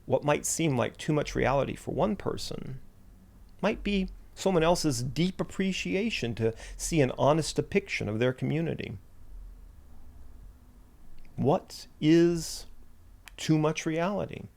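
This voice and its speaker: A man's voice: a little high, expressive, unhurried, creaky, long pauses, darkish tone. A man, a writer, delivering a reflective spoken essay in a musing, wry and self-deprecating way.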